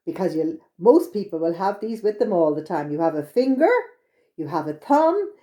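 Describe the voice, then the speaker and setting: Very animated, with a lowish, mellow voice at normal speed, an Irish woman hosts children's storytime at the library. She leads songs and exercises, talking to her young listeners in a simple, encouraging way.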